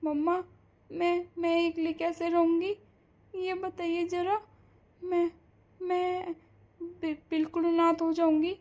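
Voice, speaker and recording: A woman's voice: very high voice, flat delivery, slow pace, long pauses, darkish tone. A woman voicing a young grieving daughter who sobs and pleads in a cartoon story. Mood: pleading. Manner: sobbing, pleading, wailing. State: crying. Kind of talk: Hindi cartoon voice acting.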